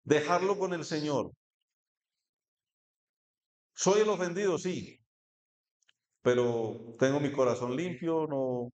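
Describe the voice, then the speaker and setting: A man with a Colombian Spanish accent preaching a sermon, reading scripture and asking the congregation questions. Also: on the high side. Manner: asks the congregation questions, reads scripture aloud. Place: church hall. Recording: echoey church room.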